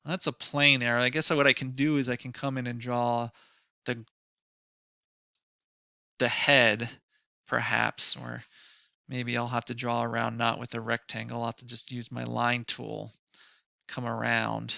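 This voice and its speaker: A man teaching a design class through a screen-recorded software tutorial. He thinks aloud in a loose, conversational way, with many fillers and restarts and a touch of sarcasm. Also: medium pitch, flat delivery, measured pace, vocal fry, pauses often, no room sound, studio quality. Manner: mildly sarcastic at times. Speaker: design instructor.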